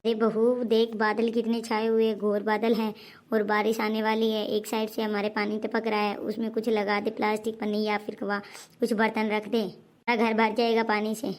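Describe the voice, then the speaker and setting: A woman's voice: mid-range voice, monotone, normal speed, natural voice. A woman playing a scolding, grumbling old mother-in-law in a homemade family skit. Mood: bossy. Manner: nagging, complaining.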